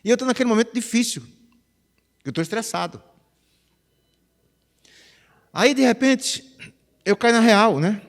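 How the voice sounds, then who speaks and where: A pastor, preaching a chatty, conversational sermon. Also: male voice, extremely high pitch, normal speed. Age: 50s. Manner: chatty, animated, peppers phrases with "né?". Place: church sanctuary. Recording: reverberant church hall.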